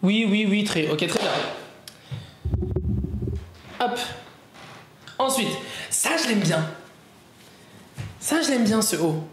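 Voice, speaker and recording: A man's voice: high voice, expressive, slow pace, long pauses. A man streaming live, chatting casually and joking back at his viewers' comments as he sorts through things. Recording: roomy echo, faint background noise.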